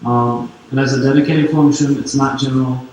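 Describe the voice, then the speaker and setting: On stage in a large conference hall, a French-Canadian man from Quebec gives a technical talk, explaining in a relaxed, laid-back way with lots of filler at a brisk pace. The distant mic picks up a booming echo and faint noise.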